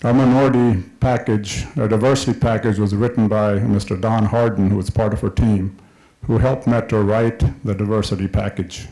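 He talks at a normal speed with hardly any pauses, in a fairly low, mellow voice with fairly even intonation. The speaker, a middle-aged Kenyan, makes an emphatic, impassioned speech with repeated key points at a public session in a large indoor hall with a screen, using a handheld microphone. The recording is low quality.

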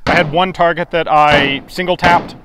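A man reviewing his run at a shooting range in a relaxed, matter-of-fact way, outdoors. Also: fairly high pitch, normal speed, background noise. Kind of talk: casual post-stage debrief.

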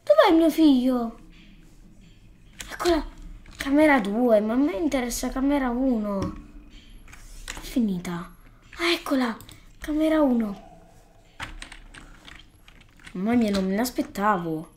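A woman gives playful, unhurried commentary as she plays, her voice sitting fairly high. She scolds the creatures in the game. Faint keyboard clicks sound behind her at the desk. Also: expressive, slight background noise. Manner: playful, exclaiming at the game, scolding fish and stalkers. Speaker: gaming YouTuber. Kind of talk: Let's Play commentary.

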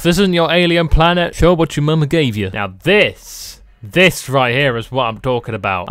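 A young British man joking his way through a let's play, with goofy asides and sudden loud outbursts. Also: medium pitch, clean tone, no room sound, clean studio sound. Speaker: gaming YouTuber.

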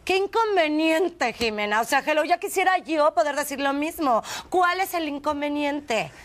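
A woman's voice: high voice, animated, moderate pace. A young woman with a Mexican accent playing a teasing, snobbish socialite in a TV comedy sketch, with an affected, melodramatic drawl. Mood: snobbish, nosy. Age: young adult. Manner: affected valley-girl drawl, mocking. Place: TV studio café set.

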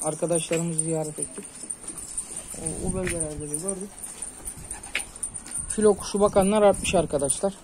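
A man's voice: a little high, fairly even intonation, normal speed, long pauses, low-quality recording. A man, a pigeon keeper, talking casually and earnestly to his viewers while filming outdoors on a rooftop with a phone. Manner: earnest, advising, calls pigeons with soft hissing sounds. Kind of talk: casual vlog talk to viewers.

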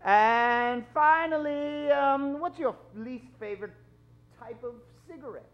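A middle-aged man speaks slowly in a very high voice while hosting a live improvised radio show on a theater stage. His patter is theatrical, courteous and hesitant in an old-time announcer vein, and the stage recording sounds dull and lo-fi.

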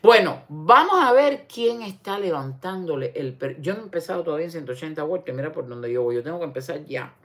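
A woman's voice: low-pitched, animated, brisk, hardly any pauses, fairly bright tone. An older woman with a Cuban accent hosting an online show, chatting casually, teasing and talking straight to the viewer. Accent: Cuban Spanish. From Cuba. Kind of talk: casual commentary chat.

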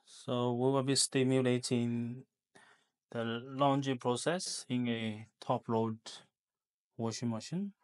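Slow, halting man demonstrating a lab test. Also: medium pitch, steady tone. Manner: halting, many fillers and restarts. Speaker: product demonstrator.

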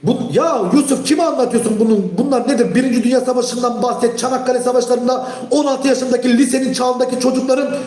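A man hosting a live stream, ranting heatedly at his chat and often shouting. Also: extremely high pitch, steady tone, quick pace, few pauses, roomy sound. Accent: Turkish. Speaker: livestream host. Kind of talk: angry live-stream rant.

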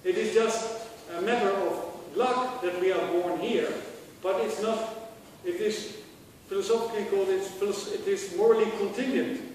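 A middle-aged man with a Dutch accent teaches a university class, throwing rhetorical questions at his students and often stopping to restart his phrases. His voice sits high for a man. It reaches the mic from across a large lecture hall, with long reverb. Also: normal speed, few pauses, darkish tone, a little hiss or hum. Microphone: far camera. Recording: echoey hall recorded from far off.

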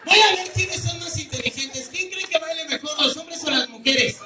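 High-voiced Mexican street clown man. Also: moderate pace, over loud music, a loud crowd. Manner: loud, teasing, calling out to the audience. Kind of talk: outdoor clown comedy show with crowd. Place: outdoor public square. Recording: echoey, distant and noisy.

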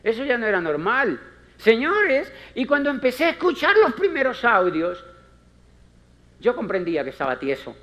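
A man's voice: big pitch swings, moderate pace, fairly bright tone, muffled recording. A man giving a conference talk as a motivational speaker, theatrical and emphatic, repeating phrases and acting out little scenes. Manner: theatrical, acts out characters with big pitch swings; repetitive, emphatic.

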